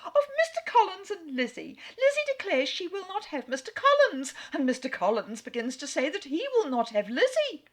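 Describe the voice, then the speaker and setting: A shrill, frantic mother. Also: big pitch swings, moderate pace, hardly any pauses. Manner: frantic, breathless exclamations. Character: shrill, excitable middle-aged mother, frantic. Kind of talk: dramatic reading.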